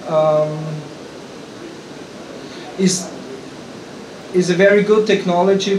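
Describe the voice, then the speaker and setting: A man with an Austrian accent gives a technical conference presentation, his voice sitting a bit higher than most men's. He halts often and restarts phrases with fillers. The room is echoey, and faint air conditioning hums behind him. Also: background noise. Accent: Austrian German. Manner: halting, frequent restarts and fillers. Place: conference hall.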